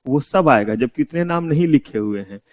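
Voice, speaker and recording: Indian man lecturing, raised pitch. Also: animated, normal speed, dry recording. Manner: explanatory, asks the class rhetorical questions; mixes English terms into Hindi. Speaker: law lecturer. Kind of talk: classroom lecture.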